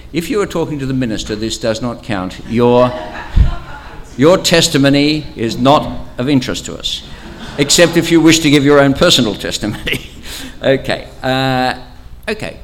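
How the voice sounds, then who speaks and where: An older Australian man with a powerful, mid-range voice leads an interactive Bible study in a church camp meeting room, chatty and teacherly with frequent hesitations. He sometimes drifts away from the microphone, and a slight hiss or hum can be heard.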